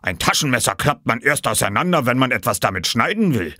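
A man voicing a kindly older farmer who talks calmly and in a fatherly way. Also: mid-range voice, a little fast, breathy edge, no room sound, clean studio sound, voice pushed up, heavily acted.

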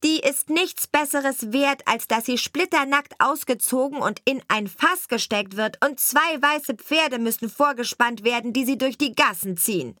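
Scheming false bride, haughty, high, loud, dry close sound, woman doing the voice. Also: a little slow, hardly any pauses, no echo. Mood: vehement. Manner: haughty, vehement. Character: scheming false bride, a maid posing as royalty.

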